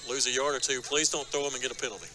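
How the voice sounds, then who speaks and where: A man giving fast, excitable play-by-play of a high school football game from a press box. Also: a little hiss or hum, low-quality recording. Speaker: play-by-play announcer. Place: press box at an outdoor stadium.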